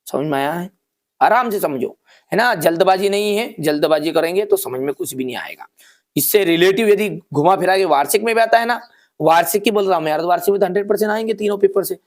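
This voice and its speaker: A man's voice: high voice, lively intonation. A man teaching an exam paper, explaining patiently and reading sentences word by word. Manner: patient, explaining slowly with frequent checks; reads English sentences word by word.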